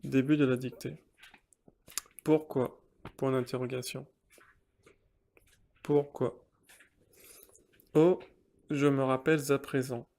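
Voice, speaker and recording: A man dictating a text as a teacher, in deliberate short repeated phrases with the punctuation spoken aloud. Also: mid-range voice, dark tone.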